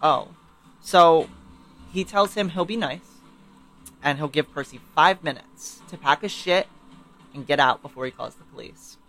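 Animated, swearing man recapping a book. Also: fairly high pitch, unhurried, long pauses, rough recording. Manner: animated, profane, reads excerpts aloud. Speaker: book podcast co-host. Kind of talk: casual book recap chat.

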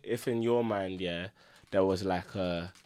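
A man's voice: low-pitched, steady tone, measured pace, darkish tone, slight background noise. A young man with a London accent, hosting a show with casual, slangy banter. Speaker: talk show host.

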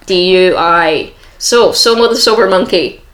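A woman's voice: on the low side, a little slow, fairly bright tone, reverberant. A woman co-hosting a podcast, chatting casually and laughing often as she recaps a reality show. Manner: laughs often, acts out quotes. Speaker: podcast co-host.

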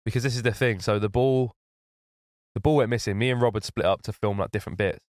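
A young man explaining a trip calmly, step by step, in relaxed conversation. His lowish voice is smooth and clear, recorded dry and close. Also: fast, dry recording. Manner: calm, explanatory storytelling. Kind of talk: casual chat, recapping a trip.

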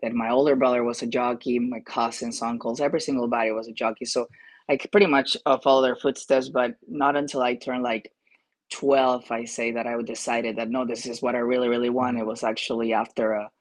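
With a Peruvian Spanish accent, a man from Peru who works as a jockey answers interview questions casually, pausing as he hunts for words. His voice is medium in pitch and level in tone.

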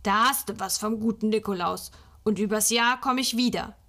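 A woman reading a storybook aloud, voicing a cheeky little boy who plays Saint Nicholas in a gruff, bossy, loud pretend-grown-up tone. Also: mid-range voice, normal speed, lightly acted.

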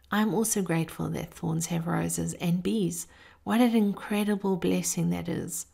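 A woman host speaking in an expressive, unhurried way, telling personal reflections and encouragement directly to her listeners. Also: medium pitch, gravelly. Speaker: host of a daily encouragement podcast.

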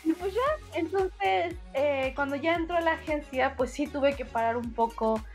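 A woman's voice: sits high, lively intonation, measured pace, soft background music. A young woman in her twenties with a Mexico City accent, telling a story in casual, slangy chat and acting out the quotes.

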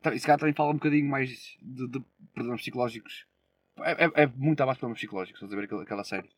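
Fast-talking man with European Portuguese accent. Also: mid-range voice. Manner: slangy, swearing. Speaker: podcast co-host. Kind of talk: casual chat.

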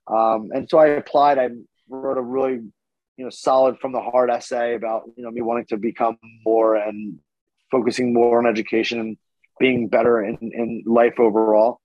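A man's voice: medium pitch, little pitch movement, moderate pace, dry recording. An easygoing young man tells his story in a loose, rambling way, full of fillers. The sound is dry and a little dull. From Northeast Philadelphia, born in Paris. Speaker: podcast guest. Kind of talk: casual interview chat.

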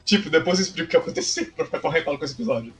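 A man's voice: a little high, animated, very fast. A man with a Brazilian accent bantering casually as a guest challenger, playful and full of exclamations. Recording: faint music behind.

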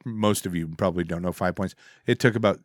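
This is a man with a deep, low, dark voice that is thickened by bronchitis. He chats casually as a co-host, recorded dry with very little room sound. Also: quick pace, no echo. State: congested with bronchitis. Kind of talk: casual chat.

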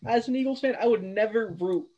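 A man's voice: high voice, a little fast, dark tone, muffled recording. A young man co-hosting a sports podcast, mocking and indignant in casual chat. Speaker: podcast co-host.

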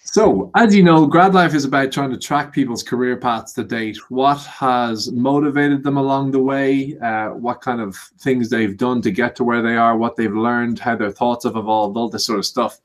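A man's voice: medium pitch, moderate pace, hardly any pauses. A man hosting a podcast and putting casual questions to guests. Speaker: podcast host, interviewer. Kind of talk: casual interview.

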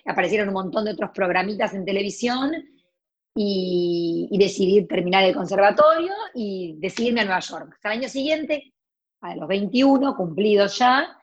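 In a mid-range, slightly rough voice with lively intonation and normal speed, an actress guest in her forties tells casual stories about her life. Her accent is Rioplatense Argentine, her talk is full of restarts and asides, and the recording's highs are cut off.

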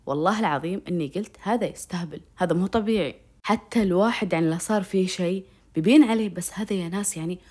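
Fast-talking young woman storyteller. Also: lowish voice, dark tone. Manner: emotional, breathless retelling with oaths and direct appeals to listeners. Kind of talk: dramatic first-person storytelling to viewers.

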